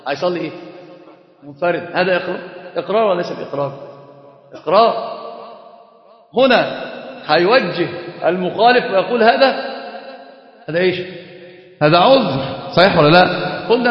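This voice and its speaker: A man with an Egyptian Arabic accent teaches an Islamic lesson. He asks his audience questions, answers them himself, and often repeats words as he restarts. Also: high voice. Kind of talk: recorded religious lecture. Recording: echoey hall, dull lo-fi sound.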